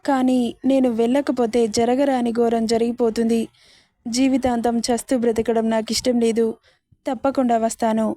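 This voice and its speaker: A woman voicing a gentle tearful young wife. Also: on the high side, flat delivery, normal speed, dry recording, studio quality, lightly acted. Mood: pleading.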